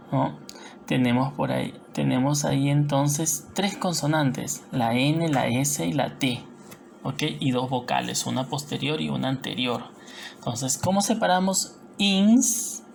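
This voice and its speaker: A Peruvian Spanish woman teaching a recorded lesson in a low, gravelly voice. She explains step by step and keeps asking whether the class is following. A faint hiss sits under the recording. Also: a little mellow. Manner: patient, explanatory, frequent tag questions.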